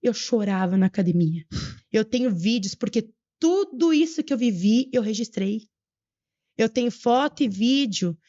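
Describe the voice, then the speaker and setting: A young woman shares her story as a podcast guest, earnest and fervent, slowing down for emphasis. Her voice sits fairly high but sounds mellow and warm. The audio is slightly dull and muffled. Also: animated. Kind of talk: emotional personal testimony.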